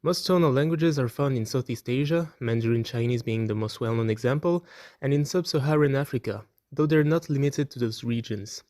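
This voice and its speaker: A man presenting an educational video, reading a scripted explanation in a clear, explanatory way and slowing down to demonstrate example words. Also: medium pitch, darkish tone, dry recording, clean studio sound. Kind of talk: scripted narration.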